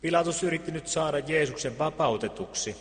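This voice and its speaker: A man reading Scripture aloud and preaching, solemn and measured, with deliberate pauses. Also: a little high. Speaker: pastor. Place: church. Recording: long church reverb.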